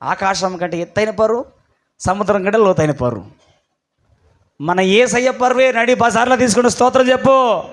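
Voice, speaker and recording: A man's voice: high-pitched, moderate pace, long pauses. A man preaching a sermon to his church congregation, acting out little dialogues and calling on the people to respond. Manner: acts out short dialogues, calls out to the congregation. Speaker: pastor.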